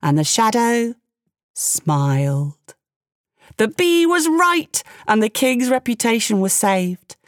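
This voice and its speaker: A woman narrating a fairy tale with expressive, playful storytelling and the odd aside. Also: on the high side, takes it slowly, no echo, studio quality.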